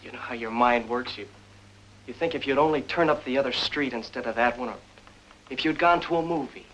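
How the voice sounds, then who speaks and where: An actor plays a young cop weighed down by guilt who talks quietly, in a low, subdued way. A faint hum sits behind him in the old film sound. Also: male voice, fairly quick, natural voice, poor audio. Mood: subdued, remorseful. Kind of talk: 1950s film acting.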